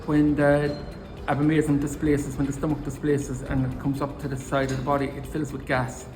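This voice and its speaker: A man's voice: a little high, completely flat delivery, a little fast, over music, rough recording. A man with an Irish accent, a vet explaining his hands-on work as he goes. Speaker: large animal vet.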